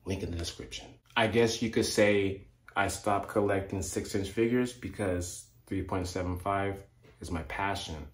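Earnest low-voiced man in an echoey room. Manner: earnest, enthusiastic, repeats phrases. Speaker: toy collecting channel host. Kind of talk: casual vlog to camera.

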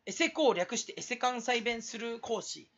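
A man from Kanto rambling alone as a YouTuber, goofing around in a put-on Kansai dialect and jumping between quiet mutters and loud outbursts. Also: very high voice, animated, moderate pace, muffled recording. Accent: put-on Kansai dialect over Kanto speech. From Kanto, Japan. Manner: goofy, jumpy, abrupt swings in loudness. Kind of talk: rambling solo chat.

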